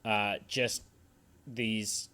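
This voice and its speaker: A man's voice: on the low side, steady tone, extremely slow, pushed and bright. A man co-hosting a movie podcast in casual chat, sharing trivia with lots of fillers. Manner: chatty, full of fillers and trivia asides. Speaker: podcast co-host.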